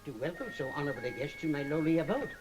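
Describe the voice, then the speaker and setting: An actor playing a gracious, ceremonious host with courtly formal speech in a 1930s comedy film. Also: male voice, fairly high pitch, sing-song, racing, over music.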